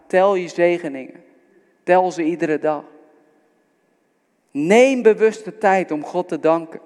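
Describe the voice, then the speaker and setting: A man's voice: high voice, darkish tone. A man preaching a sermon, earnest and exhorting, speaking directly to his listeners. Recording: long reverb of a large hall.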